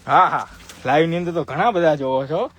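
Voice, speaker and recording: A man talks through a live-stream sales pitch in a fairly high voice. He is chatty and persuasive, and he keeps circling back to the same selling points as he holds up items from his shop. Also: moderate pace, fairly bright tone. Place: clothing shop.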